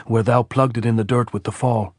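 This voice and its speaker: A man's voice: mid-range voice, steady tone, a little fast, no room sound, studio quality, natural voice. A man reading as a blunt, swearing guerrilla fighter. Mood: gruff. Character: rough, grieving male guerrilla fighter.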